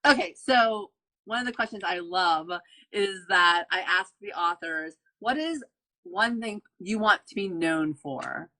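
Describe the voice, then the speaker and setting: Closing out her author interview with enthusiasm, a woman podcast host speaks in a lowish, bright voice that is forceful yet unhurried. Her praise is effusive, and she keeps repeating her phrases over poor-quality audio.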